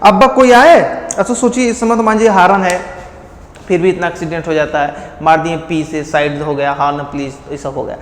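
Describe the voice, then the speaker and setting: A man's voice: a little high, steady tone, moderate pace, roomy sound, in a large hall. A man from India teaching an exam-prep history lesson, quizzing his students by repeating each key fact as a question and giving memory tricks.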